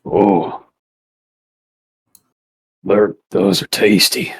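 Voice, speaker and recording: A man voicing a drunk, hulking male Goliath tavern dweller who talks in slow, gruff, short lines. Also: on the low side, steady tone, reverberant, exaggerated voice. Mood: wary. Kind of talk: tabletop game character voice.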